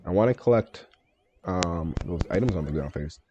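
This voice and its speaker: A man's voice: low-pitched, expressive, moderate pace, muffled recording. A man streaming a game live, thinking aloud, answering chat and joking about himself in a casual way. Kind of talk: live gameplay stream commentary.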